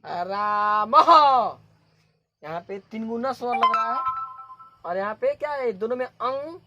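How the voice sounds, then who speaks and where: A woman from India teaching a grammar lesson, explaining slowly, repeating terms and asking questions that she then answers herself. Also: fairly high pitch, animated, sharp tone, dry recording, dull audio, faint music behind.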